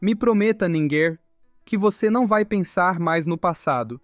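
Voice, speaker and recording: An impulsive blue-haired young man from a comic recap, as a man reads him, brash but earnest. The voice is fairly high, and the sound is dry and close. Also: moderate pace, no echo, faint music behind, lightly acted. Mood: tender.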